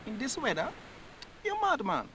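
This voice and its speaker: A man's voice: very high voice, huge pitch swings, moderate pace, sharp tone, a little hiss or hum, heavily acted, rough recording. An actor playing a laid-back but wary island boatman in a video game, talking with an easygoing drawl. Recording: game audio with faint music.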